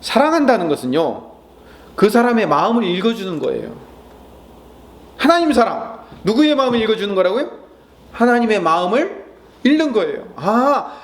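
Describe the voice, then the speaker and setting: A man preaching a Sunday sermon as pastor, asking the congregation questions and answering them, dropping to a soft, gentle tone for comforting words. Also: sits high.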